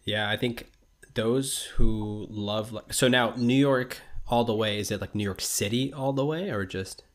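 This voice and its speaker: Speaking at a measured pace in a fairly low voice, a male podcaster first reads an introduction for his guest. He then shifts to casual conversation, posing rambling questions stuffed with filler words.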